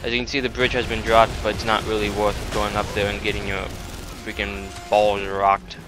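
A man giving casual, sweary, self-deprecating let's-play commentary, with soft R sounds that come out like w. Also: on the low side, monotone, normal speed. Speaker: gaming video host. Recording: game music, gunfire behind voice. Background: game music, gunfire and vehicle sounds.

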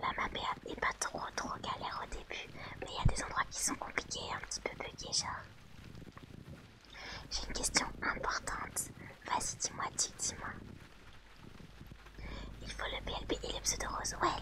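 A woman whispering softly to her audience in ASMR style, reading out chat names and answering them gently. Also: moderate pace. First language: French.

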